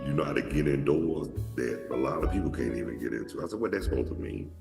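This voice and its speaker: This Atlanta, Georgia man hosts a show, delivering a casual storytelling monologue that rambles, swears freely and restarts a lot. His deep voice is expressive, quick and gravelly, heard over music in an echoey room with the mic at a distance.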